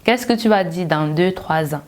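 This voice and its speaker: Low-voiced woman giving an emphatic pep talk. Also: moderate pace. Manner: emphatic, direct, rhetorical questions. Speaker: English learning coach. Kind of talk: motivational talk to viewers.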